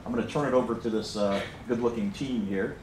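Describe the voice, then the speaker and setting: A middle-aged American program director gives a chatty, joking welcome speech to an audience in a large lecture hall, talking quickly in a mid-range voice and using plenty of fillers. He holds a handheld mic and is filmed from the back, so he sounds distant in the roomy hall, with background noise.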